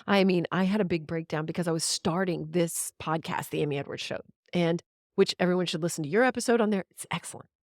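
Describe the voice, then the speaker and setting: A woman's voice: on the low side, fast talker, no room sound, studio quality. A middle-aged woman chatting candidly as a podcast guest, rambling and swearing freely, often laughing. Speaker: podcast guest, musician and writer. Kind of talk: casual conversation.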